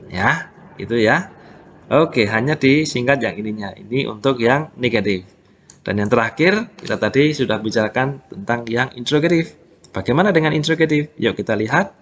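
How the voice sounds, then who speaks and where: A man with an Indonesian accent teaching an online English lesson, slowly drawing out example sentences for learners to repeat, then explaining briskly. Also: mid-range voice, a bit bright, slight background noise. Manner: slow, drawn-out model sentences, brisk explanations.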